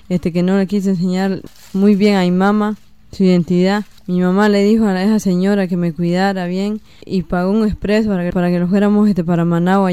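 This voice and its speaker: Halting young Nicaraguan woman, flat voice. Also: mid-range voice, clear, resonant tone, no room sound. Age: young adult. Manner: halting, many "este" fillers. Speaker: interviewee. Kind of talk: testimony interview.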